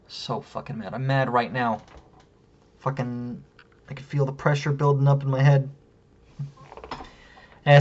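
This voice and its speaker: A man vents at his camera from a room at home. He swears often and rambles. His voice sits mid-range, and the recording sounds dull and lo-fi. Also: mid-range voice. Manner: profane, rambling, heated. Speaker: vlogger. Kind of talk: casual rant to camera.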